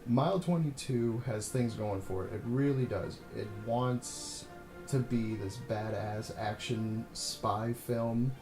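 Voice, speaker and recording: A man's voice: medium pitch, takes it slowly, over music. A man hosting a casual movie review vlog, blunt and rambling with lots of "you know". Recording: echoey room, faint hum.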